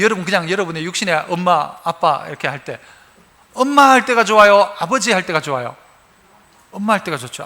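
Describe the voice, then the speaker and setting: A male pastor giving a sermon, animated, asking the congregation questions as he preaches. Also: sits high. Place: church sanctuary. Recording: reverberant church hall.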